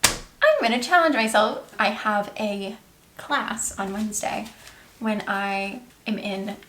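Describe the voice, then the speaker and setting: A woman's voice: mid-range voice, a bit bright, roomy sound, slight background noise. A young American woman talking casually to camera about her struggles with learning French, chatty and self-mocking. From United States. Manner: chatty, self-mocking, quick bursts of talk.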